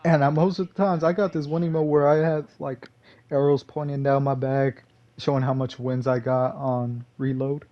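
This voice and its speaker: A man's voice: mid-range voice, flat delivery, moderate pace, lo-fi sound. A man giving casual gameplay commentary, rambling and correcting himself, chuckling often.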